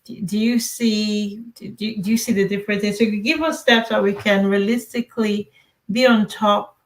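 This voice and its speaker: A woman hosts a casual interview, making her points emphatically. She often stumbles over repeated words as she pushes an idea home. Her voice sits at a middle pitch. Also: fairly even intonation, moderate pace, rough recording. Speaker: host.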